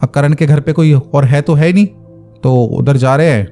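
A man's voice: a little high, moderate pace, warm tone, faint music behind. A man narrating a horror story in a casual, conversational way, stopping to explain with asides.

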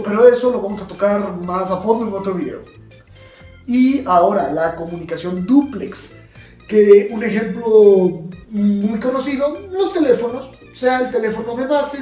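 A high-pitched young man with a dark tone hosts an explainer video, earnestly and informally teaching about two-way radios. He tends to repeat himself and rephrase his points. The recording comes from a small, bare indoor room where he sits at a table, with echo, a far-off mic and faint background music.

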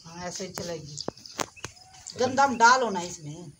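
A woman's voice: on the low side, lively intonation, measured pace. A middle-aged woman co-hosting a family vlog outdoors in a village courtyard, speaking plainly and matter-of-factly, filmed by a camera a few meters away. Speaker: vlog co-host, wife. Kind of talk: casual family vlog talk. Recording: outdoor recording with background noise.

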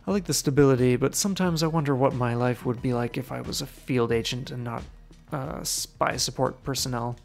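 Self-doubting base guard in a video game, chatty and wistful, gravelly, read aloud by a man. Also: mid-range voice, brisk, faint music behind, natural voice.

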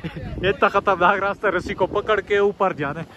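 A young man from Pakistan filming a casual travel vlog on a phone held at arm's length, chatting excitably outdoors on a trail and by a waterfall. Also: high-pitched, normal speed, dull audio. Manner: chatty, excitable, often laughing. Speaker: vlogger.

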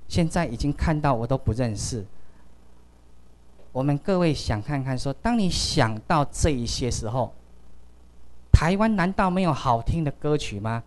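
A man with a Taiwanese accent telling a story at a seminar, acting out quoted dialogue in lively voices and switching into Taiwanese Hokkien. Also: medium pitch. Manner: animated, acts out quoted dialogue. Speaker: speaker at a seminar. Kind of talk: storytelling talk.

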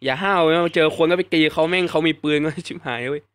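Bright-voiced young guy doing live game commentary, excitable, swears a lot, kinda high voice. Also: quick pace, clear, resonant tone. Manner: excitable, swears casually, yelps at surprises. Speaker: gaming YouTuber. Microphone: desk mic at home, fan noise behind.

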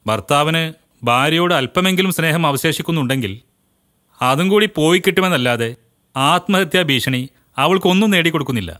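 A man's voice: a little high, expressive, pushed and bright. A man playing a preachy elder brother. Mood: stern. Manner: preachy, measured lecturing. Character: earnest elder brother lecturing his sister. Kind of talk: home movie acting.

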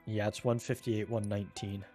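A man on game voice chat with a husky voice, telling dry, deadpan jokes. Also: on the low side, normal speed, over loud music. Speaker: gamer on a live stream. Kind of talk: casual gaming banter.

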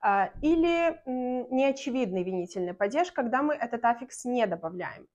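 A young woman from Belarus explains a language lesson straight to the camera. Her slightly high voice stays clear and patient. She talks from close range in a small indoor room. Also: lively intonation, a little mellow, muffled recording. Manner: clear, patient, slows down to model example sentences. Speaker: Turkish language teacher.

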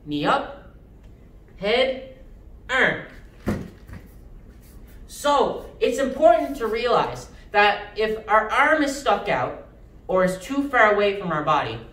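A young man teaching a children's karate class, giving sharp, clipped martial arts commands. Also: sits high, big pitch swings, measured pace. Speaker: karate instructor. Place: mid-sized indoor karate studio with matted floor. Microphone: distant camera. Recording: roomy, distant microphone, background noise.

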